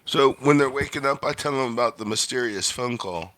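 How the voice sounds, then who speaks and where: A man's voice: medium pitch, a little fast, a bit bright, no room sound. A man playing in a tabletop game, talking in a rambling, unsure way. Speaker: player. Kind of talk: casual tabletop game chat.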